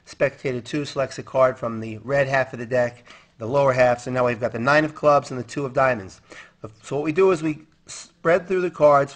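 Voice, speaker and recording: A man with a medium-pitched voice delivers card magician patter in an instructional way. He walks through each move step by step, counting things off and putting questions to the spectator. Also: a bit bright. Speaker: magician demonstrating and teaching a card trick.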